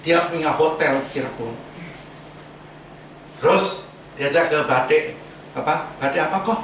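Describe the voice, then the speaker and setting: A man's voice: a little high, a little slow, fairly bright tone, a little hiss or hum. A man preaching a sermon in a casual, chatty way, slipping into slang asides and acting out voices he quotes. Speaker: pastor. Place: church sanctuary. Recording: echoey church hall miked from a distance.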